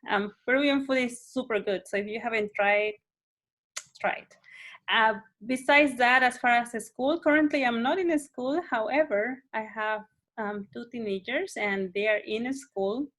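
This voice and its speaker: A woman's voice: on the high side, moderate pace, fairly bright tone. Peruvian-born woman, hesitant panelist. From Peru. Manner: hesitant, searching for words. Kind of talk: panel discussion on a video call.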